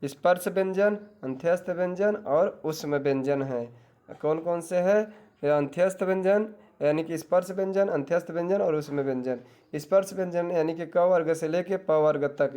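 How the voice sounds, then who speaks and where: A man's voice: a little high, warm tone. A man teaching an exam-prep grammar lesson, asking questions and answering them himself, and telling viewers to take notes.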